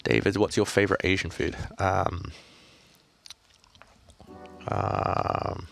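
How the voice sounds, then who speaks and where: A man with a very low voice chats casually through a live chess stream, mocking his own mistakes and answering viewers. Faint music plays quietly underneath. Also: animated, takes it slowly, creaky, dry recording. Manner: self-deprecating, chatty, reads chat questions aloud.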